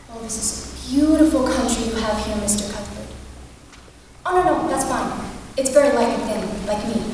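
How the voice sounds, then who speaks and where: A woman's voice: fairly high pitch, a little hiss or hum, natural voice. A woman performing a stage monologue as a chatty, imaginative orphan girl, gushing and breathless in a theatrical way. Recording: echoey hall recorded from far off.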